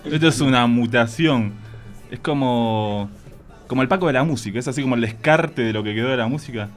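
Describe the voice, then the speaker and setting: Guesting on a radio show from the studio, a man in a band talks fairly quickly in a medium-pitched voice over soft background music. He is playful, tells stories, cracks jokes, and laughs frequently.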